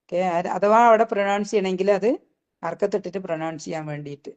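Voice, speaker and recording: A woman teaching a Quran recitation lesson. She explains patiently, keeps asking "okay?" and recites phrases slowly. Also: medium pitch, fairly even intonation, a little mellow, muffled recording.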